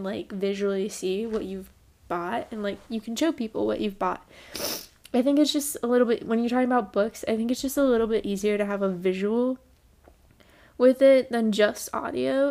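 A young woman hosts a podcast with a rambling, casual chat, her slightly high, darkish voice sounding congested. She stops often for ums and quick apologies.

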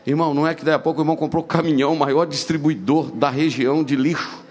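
Male preacher, fairly high-pitched, shifts between loud exhortation and hushed storytelling. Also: fairly even intonation, fast talker. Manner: reads verses aloud and comments, calls congregation "irmão". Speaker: pastor. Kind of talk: sermon.

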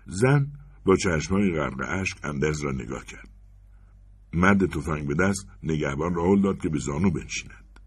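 Deep husky male storyteller. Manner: expressive storytelling. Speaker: narrator. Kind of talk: audiobook story reading.

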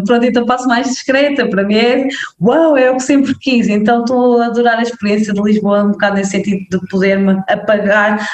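A young woman with a northern Portuguese accent chats casually as an interview guest, lively and full of fillers and quick checks with the listener. Her voice sits in the mid range, and the room gives a roomy echo.

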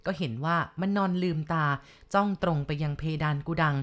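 Brief: woman storyteller, lower register, steady dramatic read of a horror novel. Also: fairly quick. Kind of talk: reading a horror novel aloud.

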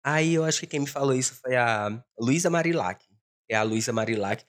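A man with a hoarse smoker's voice, hosting a casual confessional podcast in a dramatic, joking way. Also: medium pitch, animated, brisk. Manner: dramatic, joking, self-mocking. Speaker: podcast host.

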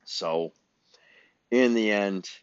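A man's voice: on the low side, very slow, clear, resonant tone, dry recording. A man, ranting bluntly and profanely as a podcast host. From Illinois, US Midwest. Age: 50s. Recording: dull, dry lo-fi recording.

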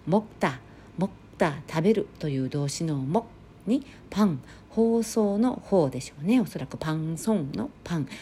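Middle-aged woman podcaster, calm explainer, lowish mellow voice, faint noise behind. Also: moderate pace. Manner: calm, explanatory, with frequent fillers. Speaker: podcast host. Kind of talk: solo talk show. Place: home near Seoul.

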